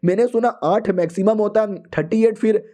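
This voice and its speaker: Cast note: a fretful young male disciple, slangy and grumbling, in a high and mellow register for a comic recap, played by the narrator. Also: moderate pace, natural voice. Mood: casual. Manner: casual, grumbling.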